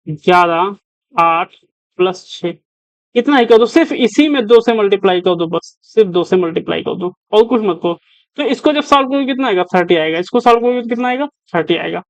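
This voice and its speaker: Male coaching teacher, talks through sums, asks the class as he goes, crisp dry sound. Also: high-pitched, no room sound, poor audio. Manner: repeats questions to the class as he works. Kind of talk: step-by-step problem solving lesson.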